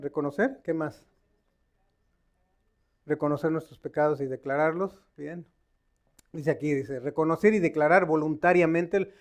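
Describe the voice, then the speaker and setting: A man's voice: fairly high pitch, darkish tone. A man giving an informal sermon at a Bible study, quizzing his listeners and often stopping to search for words. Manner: conversational, quizzing the audience with questions; stops to search for words, with many fillers and restarts. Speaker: lay preacher at a Bible study.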